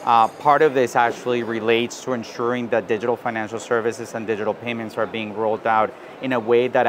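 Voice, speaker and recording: A man from South America giving measured interview answers, often adding "you know" and "right?". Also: medium pitch. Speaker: interviewee, financial inclusion advisor. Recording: outdoor recording with street noise.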